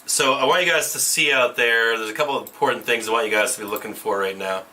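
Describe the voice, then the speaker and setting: A man's voice: medium pitch, fairly even intonation, quick pace, sharp tone, far from the mic, a little hiss or hum. Man on a tinny tin-can camera mic. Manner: profane, blunt, restarts often. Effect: tinny tin-can sound from a camera mic. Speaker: livestream trading host. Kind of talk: casual livestream chat.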